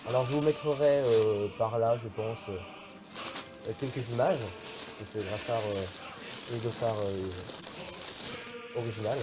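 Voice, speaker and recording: A man's voice: mid-range voice, heavy background noise. A young man presenting an unboxing video in a casual, hesitant way, with many fillers. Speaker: YouTuber unboxing militaria. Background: background music.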